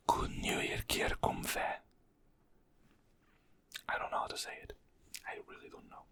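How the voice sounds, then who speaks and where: Soft, slow whispering comes from an ASMR creator based in Portugal, who repeats each line unhurriedly.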